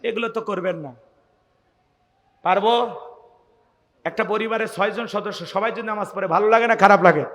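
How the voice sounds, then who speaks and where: A man's voice: high voice, moderate pace, long pauses, a bit bright, big-room sound, slight background noise. A man preaching a sermon, rousing the crowd with calls for responses and joking asides. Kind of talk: sermon at an evening religious gathering.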